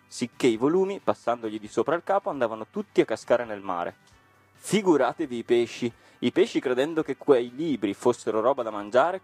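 A man narrating a classic storybook with a lively, expressive reading. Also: mid-range voice.

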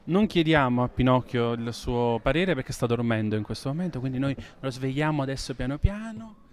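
A man's voice: mid-range voice, brisk. A man co-hosting a comic show, chiming in with dry jokes and steering the segments. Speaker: co-host. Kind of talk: comic podcast banter.

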